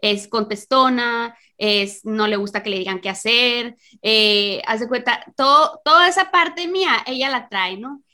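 A woman with a bright, fairly high voice talks through her thoughts on motherhood. She muses slowly and circles back with lots of filler words. It's a relaxed, casual group chat. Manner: reflective, many fillers.

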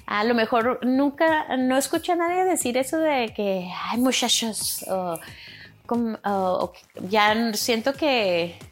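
A woman's voice: a little high, a little slow. A young woman from Chihuahua, rambling casually as a podcast host and acting out quoted speech. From Chihuahua, Mexico. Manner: rambling, many fillers, acts out quotes. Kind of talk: casual monologue.

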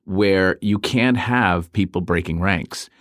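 A man hosting an interview, asking measured, leading questions and chiming in with agreement. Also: low voice, no echo, studio quality. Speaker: interview host.

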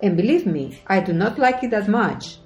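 A non-native English-speaking woman delivers an earnest, encouraging motivational talk, her pitch rising and falling in a lively way. Her voice sits in a roomy space, with soft music under it. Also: moderate pace. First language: not English. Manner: earnest, encouraging, reads from a script. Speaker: podcast host, life coach. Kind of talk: scripted motivational monologue.

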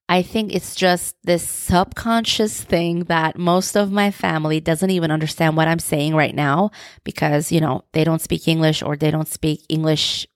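Recorded cleanly in a studio with no room sound, a young Turkish woman with a fairly low voice hosts her own podcast. Speaking alone, she reflects openly on personal matters in her Turkish accent.

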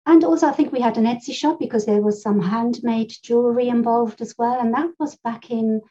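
Surrounded by books at home, a middle-aged woman from Germany talks a little fast in a fairly high, mellow, fairly even voice, telling rambling stories and laughing a lot on a conversational podcast she co-hosts. Recording quality is somewhat dull and rough.

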